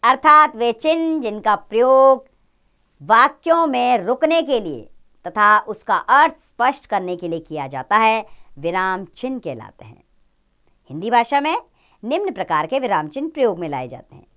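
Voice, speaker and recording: A woman teaching children a grammar lesson, speaking in an expressive, explaining tone. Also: normal speed, clear, resonant tone. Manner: expressive, rises and falls in pitch.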